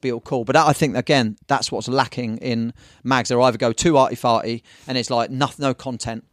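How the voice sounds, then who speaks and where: Casting: English man, rapid rambling storyteller, slangy, dry close mic. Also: mid-range voice, steady tone, dry recording. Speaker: guest, surf magazine owner. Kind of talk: casual podcast chat.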